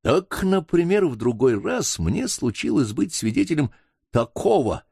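A man's voice: medium pitch, big pitch swings, a little slow, vocal fry, a little mellow, slightly rough, no room sound, clean studio sound, pitched above the performer's own voice, heavily acted. A man reading as a lecturing doctor. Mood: earnest. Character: worldly middle-aged doctor, lecturing.

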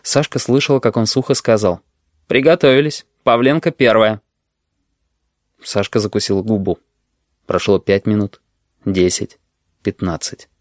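A man narrating an audiobook in a calm, measured way. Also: fairly low pitch, dry recording, studio quality.

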